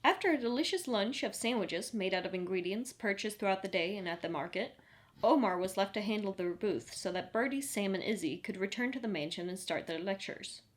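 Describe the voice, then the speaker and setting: A woman narrating a story in an even, audiobook-style read. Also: medium pitch, brisk.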